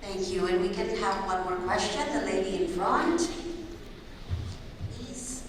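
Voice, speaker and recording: A woman's voice: mid-range voice, a little slow. A woman moderating a press conference, making polite, formal announcements to close the session. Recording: echoey hall from far off, background noise.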